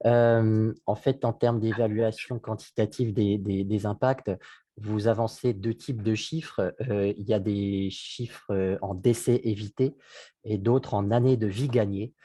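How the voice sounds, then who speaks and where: Low, mellow man asking a question. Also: no echo. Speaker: audience member, public health official asking a question. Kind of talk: spoken question in an online webinar.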